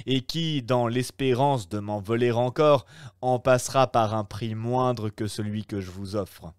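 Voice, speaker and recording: A man reading aloud and voicing a calm, shrewd young gentleman who talks in a measured, persuasive way. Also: mid-range voice, clear, resonant tone, dry recording, clean studio sound, lightly acted.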